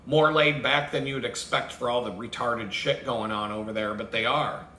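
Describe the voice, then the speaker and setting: Cursing freely and chuckling at his own jokes, a vlogger host vents in a profane, rambling monologue. He speaks at normal speed with a steady tone and a bright voice of middle pitch, in an echoey room with faint background hum.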